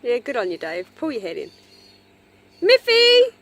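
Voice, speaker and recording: A woman's voice: fast talker, gravelly, noisy background. Chatty woman outdoors on a farm. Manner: chatty, fond, calls to animals in a high sing-song. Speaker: hobby farm vlogger. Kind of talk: casual walk-around narration. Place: outdoors on a rural property. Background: faint birds and farm animals.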